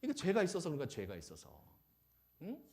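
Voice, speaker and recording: A man preaching as a pastor, animated, asking the audience questions and acting out little scenes. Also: a little high, fairly quick, creaky. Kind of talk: lively sermon.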